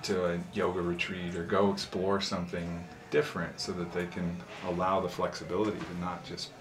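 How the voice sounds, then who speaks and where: A man in his thirties with a low voice talks a little fast, casual yet earnest and philosophical, as an interviewee and show host. He's in a small sauna, and the echoey room carries steady background noise.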